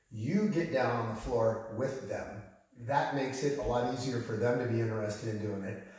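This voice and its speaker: A man talks casually through exercises like a coach addressing families at home. His voice is medium in pitch and sits away from the microphone. The empty room throws a big, hollow echo around his informal, encouraging instruction. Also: a little mellow. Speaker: fitness coach, video host. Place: bare unfurnished room at home during floor work. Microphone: camera mic from a distance. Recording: big echoey empty-room sound, distant mic.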